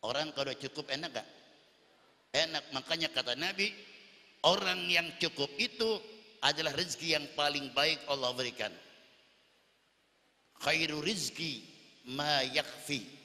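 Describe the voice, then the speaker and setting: A man's voice: on the high side, unhurried, long pauses, bright, forceful tone. A man preaching a sermon at a religious gathering, teasing the crowd with questions. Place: large hall at a religious gathering. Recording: echoey hall.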